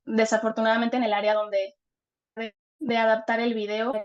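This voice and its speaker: A woman's voice: a little high, flat delivery, moderate pace, lo-fi sound. A woman giving an online class lecture over a video call, her audio choppy and cutting out as she explains and keeps checking whether she can be heard.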